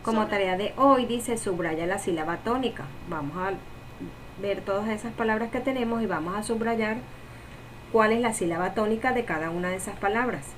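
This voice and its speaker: Woman teacher, mid pitch, casual, friendly to kids, faint background hiss. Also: moderate pace. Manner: friendly, direct address to children. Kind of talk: casual talk to pupils.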